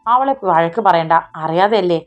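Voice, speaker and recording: A woman narrator voicing an injured young woman who speaks gently and pleadingly in an audiobook romance story. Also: on the low side, moderate pace, lo-fi sound, close to an everyday voice.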